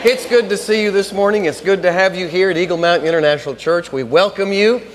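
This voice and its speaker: A male pastor warmly welcoming the congregation and giving announcements, speaking effusively. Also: sits high, quick pace, in a large hall. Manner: enthusiastic, effusive. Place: large church sanctuary.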